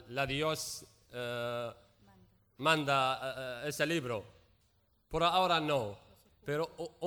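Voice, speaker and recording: A man from Syria, a native Arabic speaker with a Syrian accent, giving public testimony as a guest speaker in halting, broken speech with repeated words and searching pauses. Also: a little high, fairly bright tone, clean tone. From Raqqa region, Syria. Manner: halting, broken Spanish with frequent repetitions and word searching.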